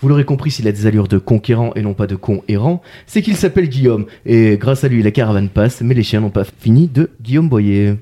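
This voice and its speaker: A man's voice: lowish voice, animated, brisk, few pauses, mellow. A man hosting a casual podcast, introducing guests with playful puns and wordplay. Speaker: podcast host. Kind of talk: casual chat.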